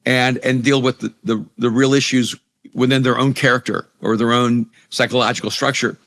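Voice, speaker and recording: Earnest and conversational, a middle-aged author and pastor from El Salvador answers as an interview guest, Spanish being his first language. His mid-range voice has little pitch movement and a fairly bright tone at a moderate pace, with many restarts and repeated words.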